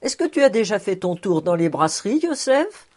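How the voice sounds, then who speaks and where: A woman's voice: medium pitch, big pitch swings, normal speed, darkish tone. A woman voicing a jovial, generous middle-aged bachelor who talks in a hearty, commanding way. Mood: jolly.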